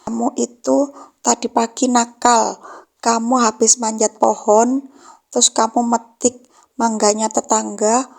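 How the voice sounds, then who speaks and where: A woman voicing her younger self as a boastful girl, speaking in a smug, deliberate way. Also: a little high, flat delivery, vocal fry, a little mellow.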